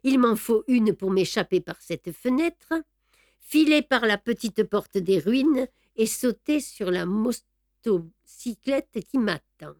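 A woman's voice: on the high side, animated, slow pace, no room sound, studio quality. A woman reading the part of a male court clerk revealed as a brutal, mocking villain, speaking curtly. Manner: mocking, curt. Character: sneering male clerk turned armed villain, brutally bold.

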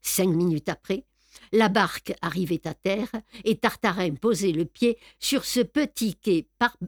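A woman narrating an audiobook in a measured, expressive storytelling manner. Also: mid-range voice, breathy edge, dry recording, studio quality.

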